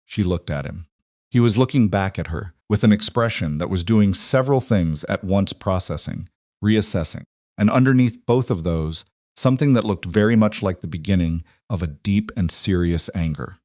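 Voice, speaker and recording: Deep-voiced man narrating a story. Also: no echo, clean studio sound. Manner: measured, even storytelling. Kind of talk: scripted audiobook narration.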